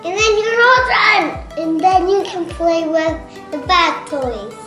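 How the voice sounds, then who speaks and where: A young girl explaining a routine in slow, hesitant steps. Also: very high voice, bright, forceful tone, roomy sound, faint music behind.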